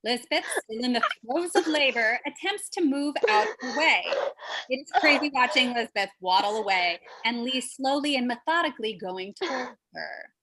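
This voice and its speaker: A woman's voice: high voice, lively intonation, normal speed, bright, forceful tone, rough recording. A woman reading out stage directions for an audio drama, matter-of-fact with wry asides. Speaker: narrator.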